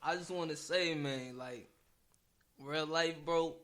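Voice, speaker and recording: A man's voice: a little high, slow pace, a bit bright. Young man talking in casual street slang. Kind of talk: casual podcast chat.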